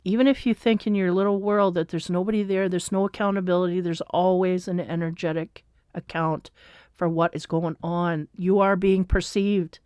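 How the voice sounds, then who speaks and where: A woman in her forties speaks with a smooth, clear voice, sharing a personal story as an energy reader. She rambles in a casual, confessional way. The sound is dry and close, with no room echo. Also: on the low side, fairly even intonation, normal speed, darkish tone. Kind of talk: casual spiritual monologue.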